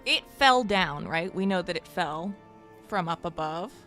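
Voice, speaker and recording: A woman chats casually as co-host of a game stream. Her voice is bright and animated, her manner playful and joking, with music in the background. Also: lowish voice, unhurried. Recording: music behind.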